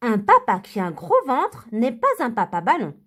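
Storybook figure: a good-humoured father mouse, read by a woman, calm and lively. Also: fairly high pitch, moderate pace, husky, heavily acted. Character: jolly, big-bellied father mouse.

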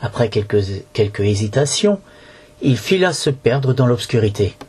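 Husky man reading a storybook aloud. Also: mid-range voice, expressive, moderate pace, a little mellow. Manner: reads with slips and restarts. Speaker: narrator.

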